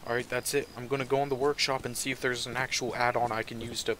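A man's voice: mid-range voice, level tone, fast, very noisy. A man giving casual, profane and joking commentary while playing a video game, often chuckling to himself. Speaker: let's play commentator.

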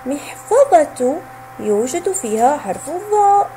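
A woman teaching a recorded lesson for young children. She sounds out letters and words slowly and clearly, and asks questions that she then answers herself. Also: high-pitched, sing-song, mellow, slight background noise, poor audio. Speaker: kindergarten teacher.

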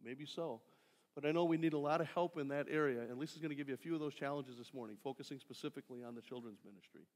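A man's voice: mid-range voice, fast talker. A middle-aged man preaching a conversational sermon from a church stage, asking rhetorical questions and slipping in small jokes. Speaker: pastor. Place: church stage, large sanctuary. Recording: long hall reverb in a sanctuary.

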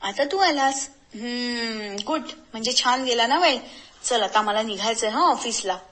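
A woman playing a young army officer husband with a lightly teasing, reassuring manner. The voice stays fairly high and steady. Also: measured pace, poor audio.

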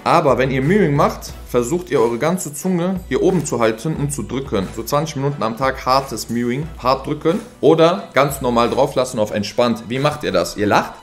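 A man hosting a comedic reaction video, joking and rambling with loud bursts and low asides. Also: normal speed, hardly any pauses, faint music behind. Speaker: reaction YouTuber host.

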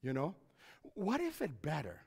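A middle-aged pastor and counselor gives a seminar talk on a church stage through a headset mic, his high, breathy voice with vocal fry swinging widely in pitch. Unhurried and animated, he paces with wide hand gestures and often repeats phrases, while the sanctuary adds a long reverb.

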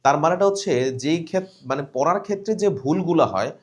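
A man's voice: a little high, fast. Man coaching cabin crew candidates. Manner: instructive, corrects students directly, demonstrates readings. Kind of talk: live coaching class.

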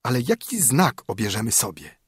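A man's voice: medium pitch, huge pitch swings, normal speed, husky, no echo, studio quality, exaggerated voice. A man narrating an audiobook voices a sly, boastful male fox who lays out his plan smugly.

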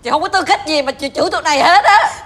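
An actress playing a defiant, sarcastic younger sister. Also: female voice, high-pitched, fast, a bit bright. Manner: sarcastic, mocking.

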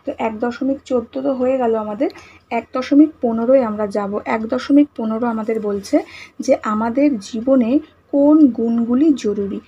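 A woman teacher giving an online lesson, speaking softly and patiently, repeating each answer and asking the class questions. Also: a little high, normal speed, husky, highs cut off. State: speaking softly, finds talking hard today.

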